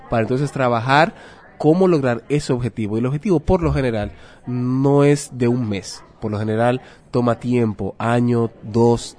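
A personal finance adviser with a Dominican Spanish accent, from the Dominican Republic, explains things as an interview guest in a teaching style, using rhetorical questions and examples. His voice is medium-pitched with a darkish tone.

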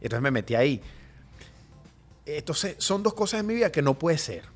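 A man guesting on a podcast, telling stories in an animated, jokey way. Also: fairly high pitch, normal speed, soft background music. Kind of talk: casual chat. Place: Miami.

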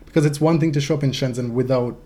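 Mellow-voiced man talking sports. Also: mid-range voice, quick pace. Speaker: podcast co-host. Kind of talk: casual sports commentary.

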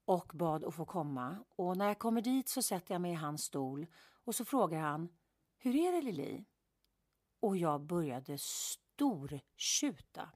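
Low-voiced woman vividly telling a personal story. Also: darkish tone, no room sound, studio quality. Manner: vivid, emphatic retelling with repetitions and self-corrections.

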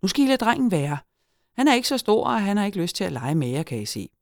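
A woman's voice: mid-range voice, sing-song, dry recording, studio quality, pitched above the performer's own voice. A woman voicing a fussy middle-aged mother scolding her children, in a storybook reading.

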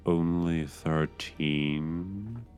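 A man's voice: deep voice, extremely slow, a little mellow, clear, resonant tone, faint music behind. A man playing a sultry, sneaky female knife-wielding intruder in a comedy audio drama, purring and teasing.

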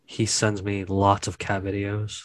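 Low-voiced man telling stories. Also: monotone, a little slow. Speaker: podcast co-host. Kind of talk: casual chat.

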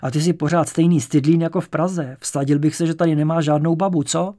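A man reading an audiobook, voicing a brash, loud and teasing male poet character. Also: a little high, fairly even intonation, no room sound, clean studio sound, close to an everyday voice. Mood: boisterous.

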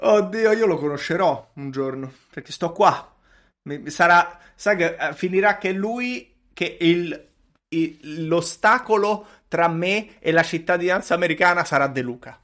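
A man with a fairly high voice co-hosts a casual comedy podcast. His manner is irreverent and conversational. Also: a little slow, a bit bright. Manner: irreverent, acts out imagined quotes. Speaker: podcast co-host.

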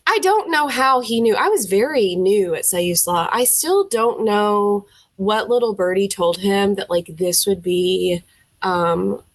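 Her voice is medium-pitched with no echo as this young Southern-accented woman from Tennessee, a music teacher, guests on a podcast. She tells her story casually and animatedly, thinking aloud with many fillers and acting out her own reactions in quotes.

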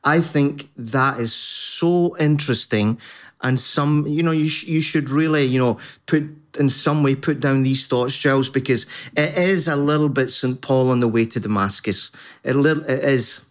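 Guy podcast co-host, medium pitch, chatty but halting, thinking it through. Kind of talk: conversational podcast talk.

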